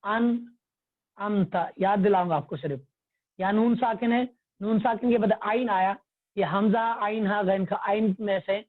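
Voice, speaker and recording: Speaking through a phone or computer mic on a video call, a high-voiced man teaches tajweed in an online religious class. He is patient and repetitive, quizzing the class, and his tinny phone audio has no echo.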